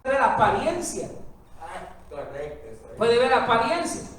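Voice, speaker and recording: A woman's voice: high voice, lively intonation, slow pace. A woman preaching a sermon, emphatic and full of rhetorical questions to the congregation. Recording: very echoey hall, far from the mic.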